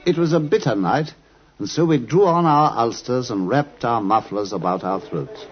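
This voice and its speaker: An actor playing a loyal, affable British gentleman doctor, bluff and well-spoken, in an old radio drama. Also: mid-range voice, lively intonation, normal speed, slightly rough, faint music behind. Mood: atmospheric storytelling. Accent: British English. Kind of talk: 1950s radio drama acting. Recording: muffled old radio recording.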